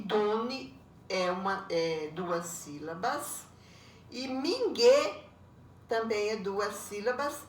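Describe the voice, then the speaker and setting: A woman, a primary school teacher correcting homework in a recorded lesson, explaining slowly and patiently with frequent checking tags. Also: mid-range voice, fairly bright tone. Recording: roomy echo, voice a bit far from the mic, faint background noise.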